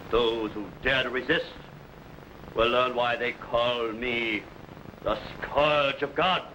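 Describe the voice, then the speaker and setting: A man takes the role of a boastful, ruthless barbarian warlord in a 1950s television serial, acting it lightly in a steady, mid-range voice. His speech is broken by grand, menacing pauses, with background noise present.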